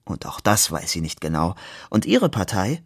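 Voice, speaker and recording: A man reading aloud as an ironic young man who argues calmly and sardonically. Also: deep voice, breathy edge, no room sound, clean studio sound, heavily acted. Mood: lecturing. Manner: measured, reasoning, wry. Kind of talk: literary reading.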